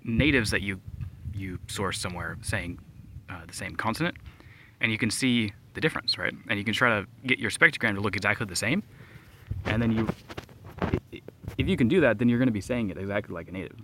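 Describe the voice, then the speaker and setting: A man's voice: lowish voice, fairly quick, long pauses, a bit bright, a little hiss or hum. A young man hosting a language learning podcast, explaining a study method in a casual, rambling way, full of fillers and "right?" tags. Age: young adult. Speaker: podcast host.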